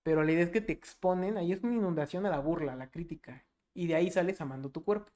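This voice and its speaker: A young man with a Mexican Spanish accent, a podcast co-host in casual chat, telling a story with lively, swear-filled animation. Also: fairly high pitch, fast.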